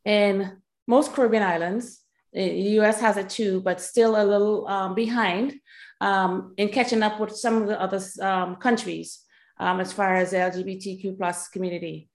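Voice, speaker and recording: A woman shares a personal story, pausing often and filling gaps with ums. Her voice carries a gravelly edge, and an echoey room surrounds it. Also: medium pitch, steady tone. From Trinidad and Tobago. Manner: hesitant, frequent ums. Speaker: panel speaker, leadership coach.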